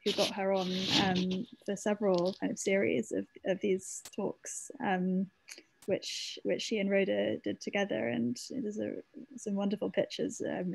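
A woman's voice: medium pitch, creaky, a little mellow, a little hiss or hum, low-quality recording. A woman author answering audience questions in an online talk, hesitant with many ums and restarts. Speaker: author speaking at a library talk.

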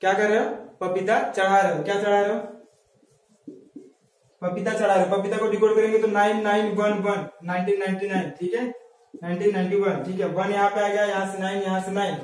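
A high-pitched man teaches a lesson on memory tricks. He keeps asking questions and answering them himself, repeating each key word. His voice sits well back from the mic and rings around a very echoey room. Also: flat delivery, brisk, distant mic.

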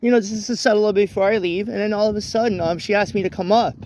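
A young man with a high-pitched voice talks into a handheld phone as he walks along a rainy street at night. He rambles, circling back with restarts and corrections. The sound is dry and close, with no room echo. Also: fairly even intonation, very fast, darkish tone. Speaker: vlogger. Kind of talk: casual walk-and-talk vlog. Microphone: phone camera held while walking.

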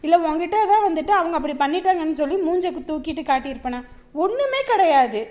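An actress playing a sister-in-law who scolds and explains at length in a reproachful tone. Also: female voice, fairly high pitch, brisk, natural voice. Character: sister-in-law, stern and lecturing.

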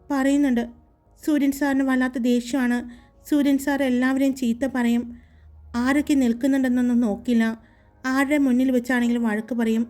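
A woman voicing a timid, gentle young woman in a soft, raised, pleading voice for a romance audiobook. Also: high voice, lightly acted.

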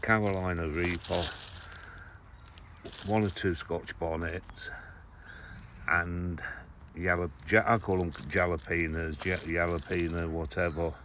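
An Englishman in his sixties, an allotment gardening vlogger, chats casually to camera among the greenhouses and plots, partly outdoors. His voice is deep, steady and fairly bright, and he goes slowly with frequent pauses, rambling about his harvest and often correcting himself. A little hiss or hum sits under the recording.

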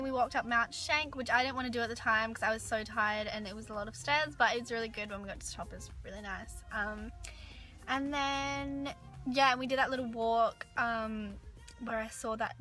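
A young Australian woman casually narrating a road trip to a phone held at arm's length, chatty and excitable. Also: on the high side. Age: young adult. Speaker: vlogger. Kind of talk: casual travel vlog.

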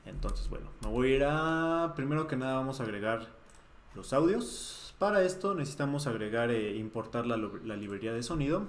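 A man's voice: medium pitch, moderate pace. A young man teaching a coding lesson, talking through each step as he types at his desk. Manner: relaxed, thinking aloud while typing code. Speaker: programming tutor. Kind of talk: screen-recorded coding tutorial. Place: small room at a desk, webcam. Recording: roomy echo, faint noise.

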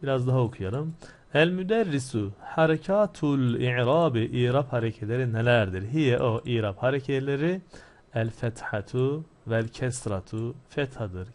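In a medium-pitched voice with a darkish tone, a man explains Arabic grammar one step at a time, asking himself questions and answering them. He reads phrases in Arabic slowly before explaining them quickly.

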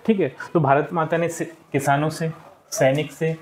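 A man's voice: a little high, fairly even intonation, moderate pace, darkish tone, slight background noise. A man teaching young pupils, patiently going through textbook answers and often repeating words. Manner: patient, repeats answers, frequent "theek hai". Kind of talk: explaining a textbook lesson.

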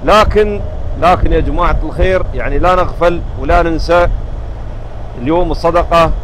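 Fast-talking Emirati man over traffic noise. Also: a little high, poor audio. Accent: Emirati Gulf Arabic. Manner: earnest, repeats phrases for emphasis. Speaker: motovlogger. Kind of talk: casual religious reflection while riding. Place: outdoors on a motorbike in traffic. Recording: steady vehicle and traffic noise.

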